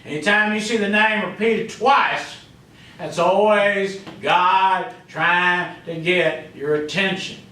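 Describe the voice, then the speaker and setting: Male pastor, sermon delivery, fairly high and sharp tone, booming then hushed, sanctuary echo. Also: slow pace. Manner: swings between loud emphatic calls and quiet asides; peppers speech with "you know" and "amen". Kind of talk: preaching a sermon. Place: church sanctuary. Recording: echoey church, mic at a distance.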